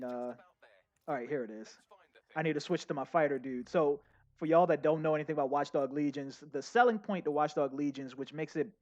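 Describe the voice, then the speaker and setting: Chatty excitable male game streamer. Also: a little high, muffled recording. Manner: chatty, excitable, addresses chat as y'all. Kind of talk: casual live gameplay commentary.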